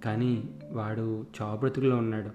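A man's voice: on the low side, little pitch movement, normal speed, mellow, reverberant, soft background music, close to an everyday voice. A male storyteller voicing a determined middle-aged man who presses with eager questions.

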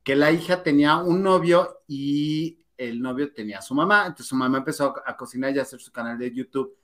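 A man with a Mexican accent hosting a casual gossip chat, animated and mocking. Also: brisk. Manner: animated, mocking, slips into shrill impressions. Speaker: host.

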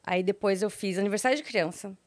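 A woman's voice: medium pitch, brisk, no room sound. A woman with a Brazilian Portuguese accent, a guest in a casual interview, telling stories in a chatty way with many fillers and frequent laughs.

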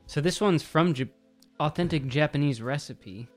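A man's voice: fairly high pitch, moderate pace, soft background music. A man co-hosting a podcast, talking in a dry, understated way about a beer label. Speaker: podcast co-host. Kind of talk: casual chat.

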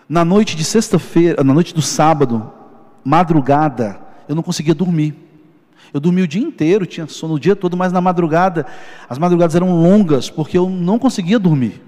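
Emotional preacher in a reverberant hall. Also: male voice, sits high, darkish tone. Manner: emotional personal testimony, slow emphatic repetitions. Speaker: pastor. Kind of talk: sermon.

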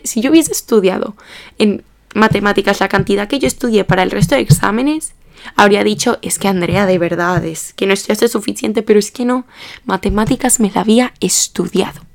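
Young woman with a gravelly fry. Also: mid-range voice, fast. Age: young adult, about 18. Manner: animated, self-mocking, rambling retelling with many restarts. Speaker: podcast host. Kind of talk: casual personal storytelling.

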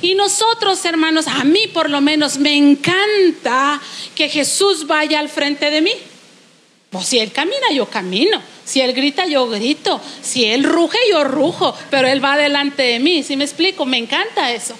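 Pastora mexicana, sermón animado, voz alta y aguda, cuenta anécdotas con voces. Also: female voice, sits high, a little slow. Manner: animated storytelling, acts out quoted voices. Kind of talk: sermon.

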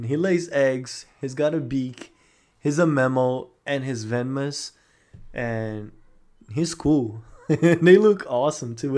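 A young man co-hosting a relaxed podcast Q&A with a friend. He sounds upbeat and enthusiastic and laughs easily between answers. His voice sits at an ordinary pitch for a man. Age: young adult. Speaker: podcast co-host. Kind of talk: casual Q&A chat. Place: home setup, recorded for a podcast.

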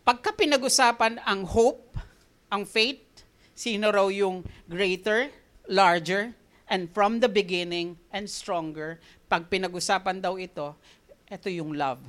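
A woman with a Filipino accent preaching a sermon. She mixes Tagalog and English and tells animated stories, often laughing at herself. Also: mid-range voice, a little slow.

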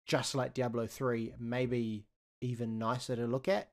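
Chatty New man, mid pitch. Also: level tone, unhurried. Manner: chatty, frequent ums and restarts. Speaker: podcast co-host. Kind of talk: casual gaming chat.

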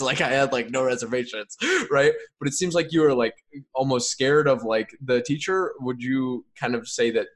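A young man hosting a casual interview chat, easygoing and quick to laugh, sometimes apologetic. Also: mid-range voice. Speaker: podcast host.

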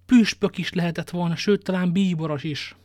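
Brief: a man voicing a mournful devout manservant, plaintive and high, storybook read. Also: steady tone, a little mellow, no room sound, clean studio sound, close to an everyday voice. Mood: lamenting. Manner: plaintive, sighing. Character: gloomy pious male servant, sighing and lamenting.

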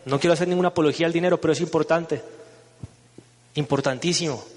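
A man giving a humorous, emphatic motivational speech that rises to loud, intense passages. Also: fairly high pitch, fairly even intonation, quick pace. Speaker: motivational speaker. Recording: reverberant hall with faint music.

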